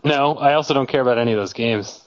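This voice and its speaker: A man's voice: mid-range voice, quick pace, no room sound. A man on a podcast, joking in a dry, offhand way. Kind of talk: casual comedic chat. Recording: lo-fi audio with loud noise.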